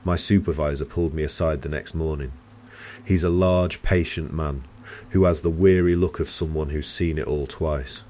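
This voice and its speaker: A man reading a scripted horror story in a slow, grave storytelling manner. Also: extremely low pitch, fairly even intonation, mellow, slight background noise. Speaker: narrator.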